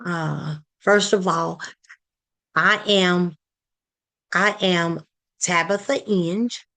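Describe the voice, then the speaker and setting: Slow, hesitant woman presenter. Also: lowish voice, bright, forceful tone. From Palestine, Texas. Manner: hesitant, many fillers and restarts. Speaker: community project leader presenting. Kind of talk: halting prepared presentation.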